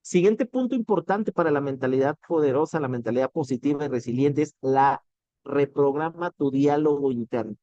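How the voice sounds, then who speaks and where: A man's voice: mid-range voice, normal speed, warm tone, no room sound, highs cut off. A man with a Mexican accent giving an earnest motivational talk, addressing the listener directly and swearing casually. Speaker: motivational business speaker.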